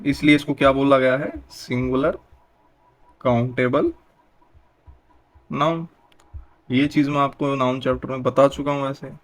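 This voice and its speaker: Young guy teacher, explains grammar slow and patient, asks then answers himself. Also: medium pitch, a bit bright.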